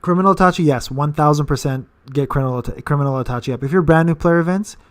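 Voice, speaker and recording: A fast-talking man with a fairly high-pitched voice hosts a casual Q&A live stream on his gaming channel. He's in his thirties and rambles, repeating words and leaning on fillers.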